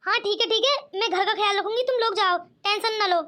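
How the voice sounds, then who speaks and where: A woman's voice: extremely high pitch, fairly quick, pushed and bright. A woman voicing a sly young sister-in-law. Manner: sly, mocking. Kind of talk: cartoon comedy voice acting.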